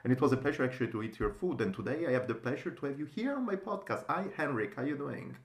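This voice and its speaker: Very animated and quick, a man with a mid-range voice hosts a laid-back podcast intro and interview. English isn't his first language, and his talk is eager, wandering, and casual.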